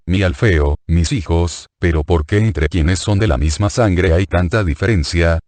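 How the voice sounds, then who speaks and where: A grieving older woman pours out anguished, pleading questions, as a male reader takes her part. The voice sits very deep and low. The sound is close and dry, with no room around it. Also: a little mellow, dry recording.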